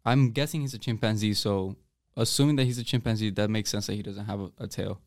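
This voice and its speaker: A man's voice: on the low side, fairly even intonation, fast, darkish tone, no room sound, clean studio sound. A teenage boy with an American accent hosting a student podcast, rambling casually with many fillers and restarts. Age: teens. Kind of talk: casual chat.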